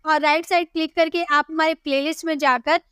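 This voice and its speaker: High-voiced woman teaching English pronunciation. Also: steady tone, fairly bright tone, no echo, studio quality. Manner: patient, repeats example words slowly. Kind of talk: online spoken-English lesson.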